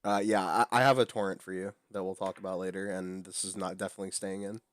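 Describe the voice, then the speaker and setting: A man's voice: low voice, little pitch movement, fast talker, no echo. A man co-hosting a casual podcast, joking and laid-back. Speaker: podcast co-host.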